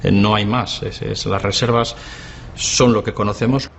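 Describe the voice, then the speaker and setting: A man's voice: fairly low pitch, steady tone, moderate pace, creaky, fairly bright tone, muffled recording, slight background noise. A man, a geologist and oceanographer, explaining facts in an interview in an earnest, explanatory way. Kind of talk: interview answers.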